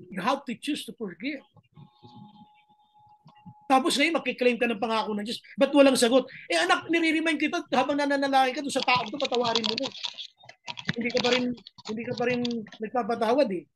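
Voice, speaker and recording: A woman's voice: high-pitched, slight background noise. A woman pastor preaching a sermon, emphatic and repeating her phrases. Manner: mixes Tagalog and English, emphatic, repeats phrases.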